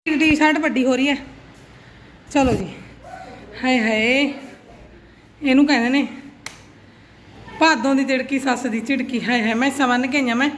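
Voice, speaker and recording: A woman's voice: high-pitched, steady tone, a little fast, pauses often. A middle-aged Punjabi woman chatting casually for a family vlog, with a dramatic, exclamatory auntie-like delivery. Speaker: vlogger. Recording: noisy handheld vlog recording.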